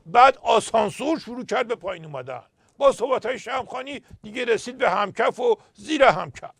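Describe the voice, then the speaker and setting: A man's voice: very high voice, expressive, gravelly, fairly bright tone, no echo. A man playing a satirical pundit, telling anecdotes with punchlines and emphatic outbursts. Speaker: satirical pundit character "Doctor". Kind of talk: scripted political satire sketch.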